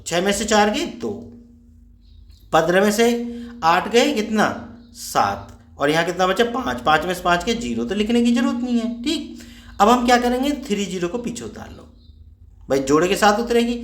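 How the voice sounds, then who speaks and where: A man with a high, very animated voice walks students through a maths problem on a board. He keeps checking that they follow along, and his voice rings in an echoey room. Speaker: maths teacher. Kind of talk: whiteboard maths lesson.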